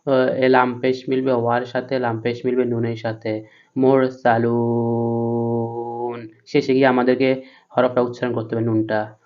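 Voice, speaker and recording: A man teaching Quran reading, patiently spelling each letter syllable by syllable, then chanting the verses slowly. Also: mid-range voice, little pitch movement, lo-fi sound. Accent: Bangladeshi Bengali.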